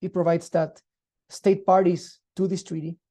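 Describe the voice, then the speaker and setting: Very dark-voiced man lecturing. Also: high-pitched, flat delivery. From Guatemala. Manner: measured, formal, explanatory. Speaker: law lecturer. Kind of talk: online lecture.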